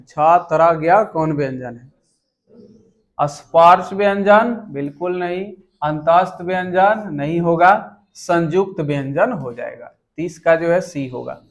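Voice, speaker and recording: A young man, a teacher working through exam questions and repeating each question aloud. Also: on the high side.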